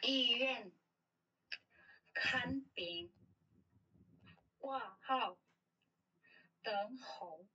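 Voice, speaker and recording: A woman's voice: a little high, bright, forceful tone, lo-fi sound. A woman student reading Mandarin words aloud carefully, one word at a time.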